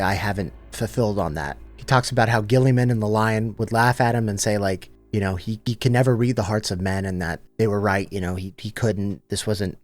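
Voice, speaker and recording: Man, low voice, casual slangy story recap, loose paraphrase, soft music behind. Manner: slangy and loose, paraphrasing characters in everyday speech. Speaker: lore channel host. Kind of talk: casual abridged lore retelling.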